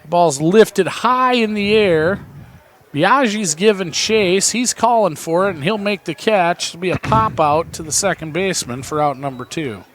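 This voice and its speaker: A man with an American Midwest accent calling a local baseball game play-by-play, chatty and reading viewer texts between pitches. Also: measured pace, fairly bright tone, a little hiss or hum. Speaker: play-by-play announcer.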